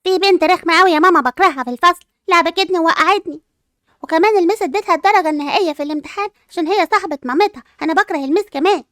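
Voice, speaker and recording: Very high rapid-fire egyptian brat girl, whiny and vengeful, a woman putting her on, dry close sound. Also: a bit bright, no room sound. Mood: spiteful. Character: spiteful spoiled schoolgirl, jealous and vengeful. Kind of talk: amateur role-play dub.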